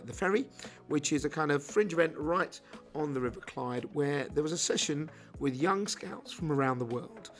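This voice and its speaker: A man hosting a podcast, talking in a chatty, wry way and interviewing people. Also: a little high. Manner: chatty, wry, self-deprecating. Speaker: podcast host. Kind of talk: casual podcast narration and interviewing.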